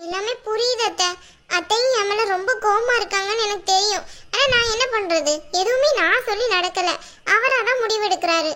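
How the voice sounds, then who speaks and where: A young wife in a family drama skit who pleads and defends herself against blame, played by a woman. Her voice is very high and bright, and her protests sound earnest and worried. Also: brisk. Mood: defensive. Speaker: actor.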